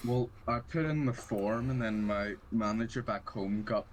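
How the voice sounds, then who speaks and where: Hesitant young Irish man, low voice. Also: measured pace, slight background noise, poor audio. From Ireland. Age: young adult. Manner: hesitant, trailing off with fillers. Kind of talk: casual chat.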